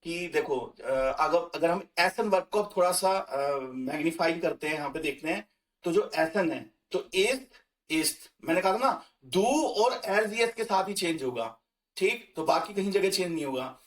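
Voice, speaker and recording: In a screen-recorded lesson, a man explains German grammar in Hindi, talking conversationally with fillers and restarts. His voice is high and a little slow, with lively intonation, and the mic sounds distant.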